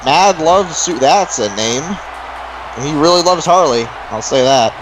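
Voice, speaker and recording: A man's voice: a little high, lively intonation, measured pace, background noise. A man doing live play-by-play as a wrestling commentator, exclaiming at moves and counting near falls.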